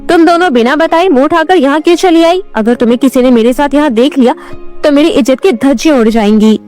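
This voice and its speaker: A woman voicing a spoiled, arrogant young woman in a cartoon story, shrill and quick-tongued. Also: lively intonation, darkish tone, faint music behind. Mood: haughty. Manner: shrill and haughty.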